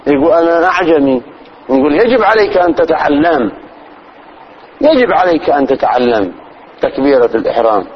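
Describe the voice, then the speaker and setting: Sheikh teaching a lesson, repeats stuff, muffled recording with faint hiss. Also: male voice, a little high, big pitch swings. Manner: explains slowly, repeats phrases and demonstrates pronunciation. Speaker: sheikh teaching religious law. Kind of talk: religious lesson.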